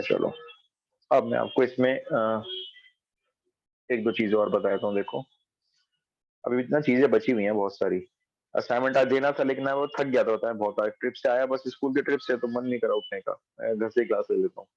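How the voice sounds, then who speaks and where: A man's voice: mid-range voice, brisk, no room sound, dull audio. Man teaching math step by step. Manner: explains step by step, checks understanding. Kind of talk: online class lecture. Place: at home.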